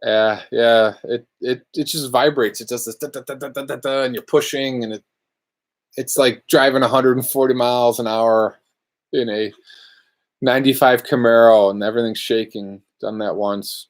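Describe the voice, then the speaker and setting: The host of a luthier podcast chats casually from his workshop during a live Q&A, wandering through viewer questions in a relaxed, rambling way. He speaks in a mid-range voice at normal speed, with fairly even intonation.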